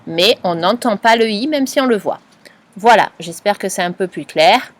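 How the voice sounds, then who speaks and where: A woman's voice: mid-range voice, expressive, moderate pace. A woman teacher giving a patient spelling lesson and dictation to a young child, spelling letters out one by one and repeating each point. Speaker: primary school teacher.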